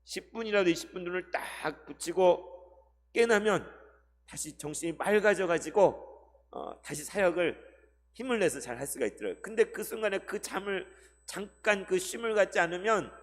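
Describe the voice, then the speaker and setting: A male pastor giving a Sunday sermon, asking the congregation questions and swinging between loud and hushed delivery. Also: high-pitched, lively intonation, moderate pace. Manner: addresses the congregation with rhetorical questions; dramatic shifts between loud and soft delivery. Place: church sanctuary. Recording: long hall reverb.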